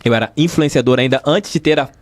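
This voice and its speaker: Speaking fast at a mid-range pitch, a middle-aged sports journalist from Brazil's Rio de Janeiro state appears as a guest in a podcast studio. His storytelling is casual but emphatic, and he repeats phrases to stress them.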